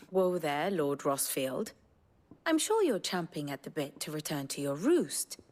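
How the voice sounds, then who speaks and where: Learned, wry female lecturer for a game: lower register, animated, theatrical phrasing. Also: unhurried, heavily acted. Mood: wry, lecturing. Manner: theatrical, formal, dryly teasing. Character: erudite, wry female scholar lecturing her pupils. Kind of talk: video game voice acting.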